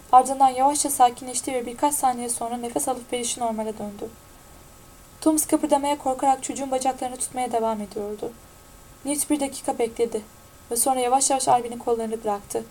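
A woman narrating an audiobook in a steady, even-toned reading. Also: high-pitched, a little fast, slight background noise, poor audio.

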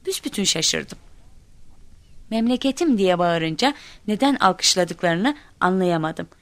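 A woman telling a comic first-person story in expressive narration, acting out shouts and cries. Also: medium pitch, moderate pace, dry recording. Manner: lively, acts out quoted shouts.

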